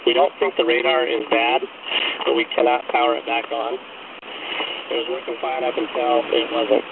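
A man, a military pilot in flight, talking over a helmet radio in calm, clipped, procedural radio talk. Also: medium pitch, normal speed, gravelly. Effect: helmet radio transmission. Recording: tinny radio link with static hiss.

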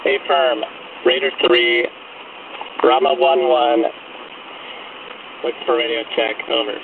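A man, a military pilot in flight, talking over a helmet radio in calm, clipped, procedural radio talk. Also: medium pitch, takes it slowly, vocal fry. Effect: helmet radio transmission. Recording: tinny radio link with static hiss.

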